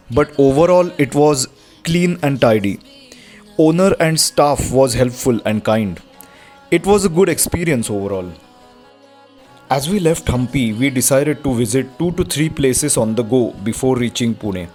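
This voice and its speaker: A man's voice: mid-range voice, a little mellow. A man with an Indian accent narrating a travel vlog from a script. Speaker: travel vlogger. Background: music.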